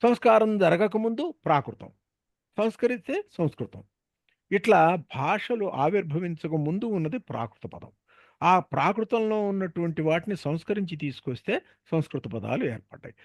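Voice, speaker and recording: A man's voice: sits high, sing-song, moderate pace, no echo, clean studio sound. A man with a Telugu accent teaching a grammar lesson, patiently posing questions and then answering them himself. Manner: patient, asks and answers his own questions. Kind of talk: explanatory grammar lecture.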